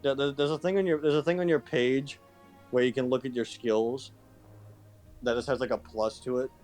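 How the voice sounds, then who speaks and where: Man, game master, tabletop narration, stop-start delivery, middle pitch, faint music behind. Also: fairly even intonation, moderate pace, darkish tone. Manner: hesitant, with many restarts.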